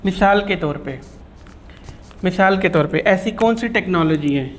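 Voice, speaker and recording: A man's voice: high voice, expressive, a little slow, slight background noise. A man giving a chatty classroom lecture, teasing his students and mixing in English terms. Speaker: teacher.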